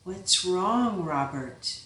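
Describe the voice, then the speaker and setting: A woman's voice: on the low side, a little slow, fairly bright tone, far from the mic. Morris, a stubborn teasing monk, read by a woman. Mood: concerned. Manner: teasing, sympathetic. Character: stubborn, good-natured male monk friend. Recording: roomy, voice set back from the mic.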